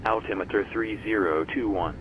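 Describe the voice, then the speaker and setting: Low-voiced guy on an airport weather broadcast over the radio, formal measured readout, bit of noise behind. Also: narrow, tinny audio. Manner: measured, formal announcement phrasing. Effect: recorded airport weather broadcast over radio.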